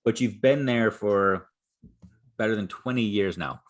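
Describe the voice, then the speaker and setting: A man's voice: on the low side, unhurried. Enthusiastic man hosting a podcast. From United States. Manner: enthusiastic and joking, with repeated words. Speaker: podcast host. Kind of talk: casual interview chat.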